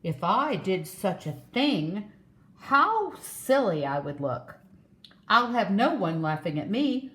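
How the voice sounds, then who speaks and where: A woman's voice: medium pitch, sing-song, slow pace, a bit bright. A woman doing a proud, scoffing storybook giraffe. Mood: scornful. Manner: scoffing, indignant. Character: proud, haughty male giraffe.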